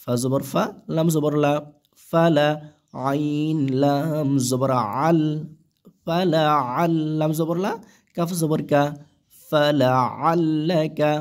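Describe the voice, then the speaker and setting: A man's voice: a little high, darkish tone. A man with a Bangladeshi Bengali accent teaching Quran reading, spelling each syllable aloud and then drawing out the joined word. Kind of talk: slow letter-by-letter recitation lesson.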